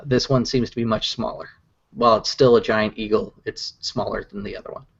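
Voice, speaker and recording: A man narrating as game master of a tabletop game, pausing often with fillers. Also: lowish voice, fairly even intonation, creaky, husky. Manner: hesitant, many fillers. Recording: dull lo-fi recording.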